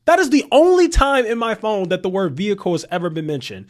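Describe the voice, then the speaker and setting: A man's voice: sits high, sing-song, fast. A thirty-year-old man giving casual political commentary to his viewers, emphatic and full of rhetorical questions, often repeating himself. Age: 30s. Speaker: commentary channel host.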